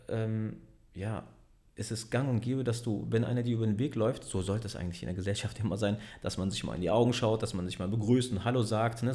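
A man's voice: medium pitch, a little mellow. A man who runs a business and leads a team, talking casually in an interview, rambling and correcting himself, often tagging sentences with a questioning aside. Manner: rambling, self-correcting, frequent "ne?" tags. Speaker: business owner and team leader.

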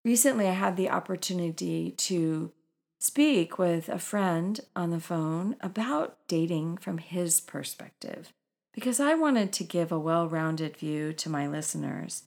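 A woman's voice: fairly low pitch, expressive, unhurried, vocal fry, darkish tone. A woman podcast host who speaks in a soothing, instructional way, as in guided breathing meditation.

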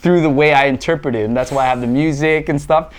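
Male podcast guest, fairly high voice, lively filler-heavy storytelling. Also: fast talker, crowd noise. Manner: animated storyteller, hedging fillers. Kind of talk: casual chat.

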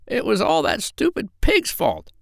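A man doing a high, sly female parrot. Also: wildly swooping pitch, a little slow, vocal fry, dry recording, exaggerated voice. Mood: urgent whisper. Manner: hushed, urgent whispering. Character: bossy female parrot, clever and scheming. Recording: dry close recording.

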